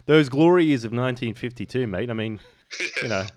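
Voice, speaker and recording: A man co-hosting a sports podcast, trading quick, laughing banter. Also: mid-range voice, darkish tone. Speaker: podcast co-host. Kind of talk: casual sports podcast chat.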